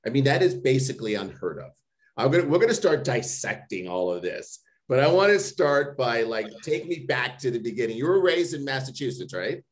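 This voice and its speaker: A man's voice: medium pitch, big pitch swings, brisk. A man hosting an interview podcast, chatty and enthusiastic, swearing casually. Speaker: podcast host.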